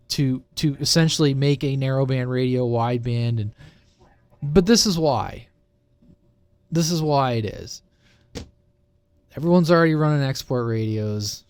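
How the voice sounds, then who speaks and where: Indoors at a computer, a man shares his screen and explains radio technology in a loose, unscripted, rambling style, repeating his main point as he circles around. His mid-range voice is a little mellow and clean in tone, captured in a dry recording.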